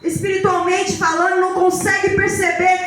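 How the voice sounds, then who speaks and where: A woman preaching a sermon in a sing-song cadence, breaking into shouted emphasis. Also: extremely high pitch, little pitch movement, normal speed, slight background noise. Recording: echoey room with faint music.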